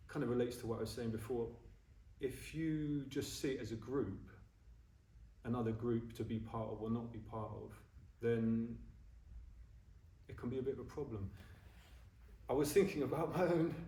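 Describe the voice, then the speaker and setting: A man's voice: medium pitch, mellow. Chatty man in his forties, echoey room. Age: 40s. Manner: chatty and self-mocking, keeps checking in with "yeah?". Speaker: ordained Buddhist speaker giving a talk. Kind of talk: informal dharma talk to a group. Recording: roomy echo, voice from a distance.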